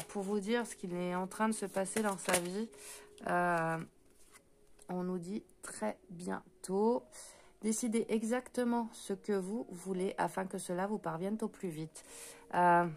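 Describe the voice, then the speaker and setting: A woman with a French accent doing a spoken card reading for viewers. She talks fast, trips over her words and fills pauses with hesitant sounds. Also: medium pitch. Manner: talks fast and stumbles, many hesitant fillers. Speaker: intuitive card reader.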